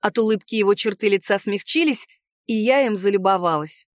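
A woman's voice: medium pitch, a little fast, no room sound. A woman reading a first-person audiobook in a playful, ironic storytelling manner, recorded close on a studio mic. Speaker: narrator.

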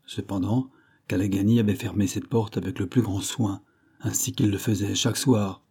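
Low, husky male audiobook narrator. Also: fairly even intonation, normal speed, dark tone. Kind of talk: scripted narration of a classic novel.

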